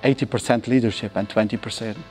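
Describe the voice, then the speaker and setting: Being interviewed, a middle-aged Belgian entrepreneur whose first language is Flemish answers thoughtfully, pausing often and using non-native phrasing in his Flemish accent. His voice sits on the low side with fairly even intonation, and loud music plays behind him.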